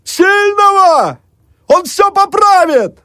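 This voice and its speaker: A man voicing a desperate peasant man who yells pleas and boasts out of a window at a hostile crowd, as part of an audiobook reading. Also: very animated, slow, no room sound, studio quality, heavily acted. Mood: yelling. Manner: bellowing, desperate, high-pitched yelling. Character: frantic peasant man shouting at a mob.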